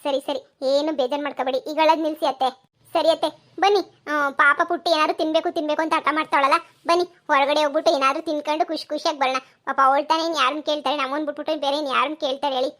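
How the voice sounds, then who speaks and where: Woman voicing a soothing young cartoon daughter-in-law, high fast delivery. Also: fairly even intonation, fairly bright tone. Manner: soothing, reassuring. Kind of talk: cartoon voice acting.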